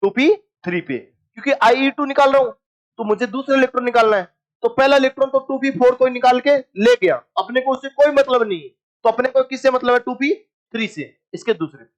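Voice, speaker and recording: Casting note: male teacher with a high voice, quizzing a classroom and playfully coaxing answers out of students. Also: brisk, highs cut off. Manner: asks students questions and answers them himself. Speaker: chemistry teacher. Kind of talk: classroom lecture.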